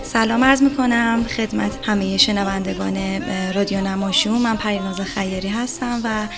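A woman's voice: mid-range voice, steady tone, music in the background. A woman from Isfahan with an Isfahani Persian accent, presenting an informative radio talk. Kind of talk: informative talk with recited verse.

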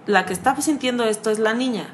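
A woman's voice: on the high side, fast talker, a little hiss or hum. A young woman with a Mexican accent, co-hosting a frank, slangy casual conversation. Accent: Mexican Spanish. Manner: frank, slangy, laughs often. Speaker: podcast co-host. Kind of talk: casual chat.

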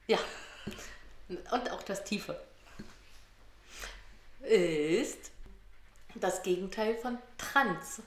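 A woman's voice: mid-range voice, expressive, drawn-out words, pauses often. Woman chatting playfully in an echoey room. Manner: playful, wry, punning. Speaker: podcast co-host. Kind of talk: casual humorous chat, explaining terms. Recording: roomy, echoing room sound.

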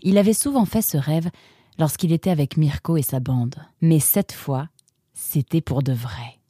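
A man narrating a children's storybook episode in a lively, expressive reading voice. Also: fairly high pitch, measured pace, breathy edge, no echo, studio quality.

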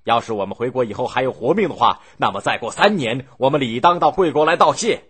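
A man's voice: medium pitch, animated, fast talker, fairly bright tone, breathy edge. A man voicing a defeated general who answers with formal, dignified courtesy.

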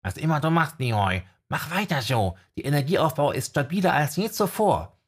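Man putting on a chirpy, husky little owl. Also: fairly high pitch, animated, normal speed, voice pushed up. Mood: guiding. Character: small fussy know-it-all male owl familiar. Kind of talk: audiobook character voice.

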